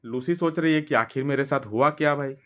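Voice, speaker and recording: Brief: male Hindi tutor, reading lines slowly and glossing each one for kids. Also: a bit bright. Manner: reads English lines slowly, then explains in Hindi; acts out the characters' lines with a raised pitch. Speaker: teacher. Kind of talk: explaining a story line by line.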